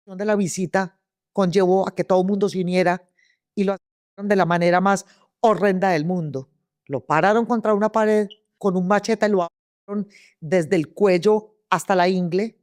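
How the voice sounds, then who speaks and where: In studio-quality sound with no echo, a Colombian woman with a lowish, slightly mellow voice tells her story in an interview. Her testimony is vivid, peppered with restarts and repeated words.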